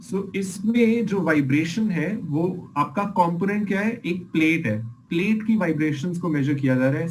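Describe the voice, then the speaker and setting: A man's voice: on the high side, darkish tone, slight background noise, low-quality recording. A man teaching a class as an engineering lecturer, explaining experiment videos patiently and checking in with his students often.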